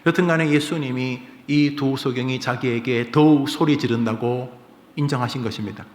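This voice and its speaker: A male pastor preaching a fervent sermon, swinging between quiet pleading and loud outbursts. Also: medium pitch, fairly even intonation, moderate pace. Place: church sanctuary. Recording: echoey church hall with long reverb.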